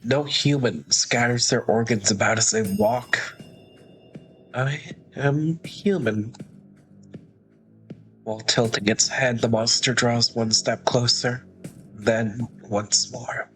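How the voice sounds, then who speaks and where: A sick man narrating a game aloud as a streamer, reading in a slow, measured way with a raspy, creaky voice. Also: medium pitch, fairly even intonation, a bit bright, faint music behind, rough recording.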